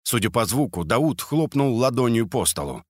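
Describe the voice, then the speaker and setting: A man narrating a crime audiobook in a steady, even reading manner. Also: medium pitch, moderate pace, no echo, clean studio sound.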